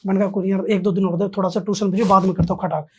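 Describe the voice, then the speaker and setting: A man's voice: sits high, level tone, rapid-fire, a little mellow, slightly rough. A man, a podcast guest, telling a story in casual conversation and acting out both sides of the dialogue.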